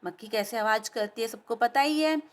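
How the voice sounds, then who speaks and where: A woman's voice: fairly high pitch, fairly quick. A woman teacher telling a story to children, stopping to explain words and ask them questions.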